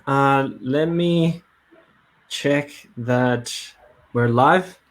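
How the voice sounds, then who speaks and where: A man with a mid-range voice draws out his words while hosting a live webinar from Brisbane. His delivery is casual and hesitant, like a loose live-stream talk, packed with fillers and restarts.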